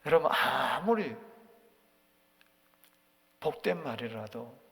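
Gravelly, animated male pastor preaching. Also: mid-range voice, slow pace. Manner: animated preaching, mocking voices of accusers, sudden drops to near whisper. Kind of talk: early-morning sermon. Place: church sanctuary. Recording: reverberant church sanctuary.

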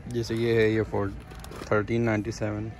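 A man's voice: lowish voice, monotone, normal speed. A man in his thirties from Pakistan vlogs casually while walking through a big hardware store, rambling and thinking aloud with fillers, recorded on a phone he carries. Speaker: vlogger. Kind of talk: casual walking-tour vlog. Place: big-box hardware store, indoors, then outdoor parking lot. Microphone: phone held by the walker, then at arm's length. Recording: loud music under voice.

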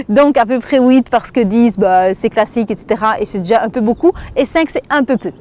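A woman's voice: fairly high pitch, lively intonation, normal speed, a little mellow. A woman in her thirties with a Belgian French accent, leading a fitness lesson and counting through each move as she demonstrates. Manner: counts and breathes through moves while explaining. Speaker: fitness instructor. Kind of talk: exercise demonstration.

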